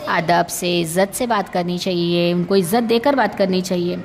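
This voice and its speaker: A woman's voice: fairly low pitch, moderate pace, long reverb tail, a little hiss or hum. A woman teacher telling a story to young children, acting out the characters and asking the class questions. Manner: lively, voices the characters and asks the class questions. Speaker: primary school teacher.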